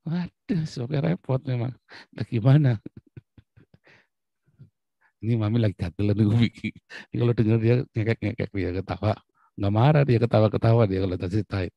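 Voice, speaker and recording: A man preaching in a casual, lively style, often laughing and leaping up in pitch when he makes a point. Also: normal speed, gravelly, pauses often, no echo. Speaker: pastor. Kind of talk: sermon. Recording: dull lo-fi recording.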